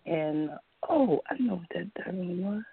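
A woman calling in to a radio show, her voice thin and tinny like through a tin can phone, talking in a halting way as she searches for words. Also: fairly low pitch, lively intonation, vocal fry, slightly rough, no echo. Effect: tinny phone sound, like a tin can phone. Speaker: caller. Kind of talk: call-in poetry reading.

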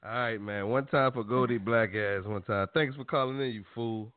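A man's voice: mid-range voice, moderate pace, smooth. A man hosting a casual radio show, laid-back and slangy, laughing with callers. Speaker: radio host. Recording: tinny lo-fi line.

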